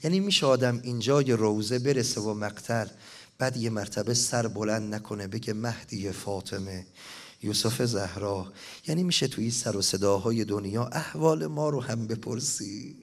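A man preaching a mourning sermon, reading an elegy and chanting it, at times rising to impassioned cries. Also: fairly low pitch.

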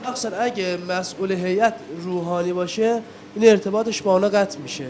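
A man's voice: high-pitched, crowd noise. A man from the audience asking a question and pushing back on the answer.

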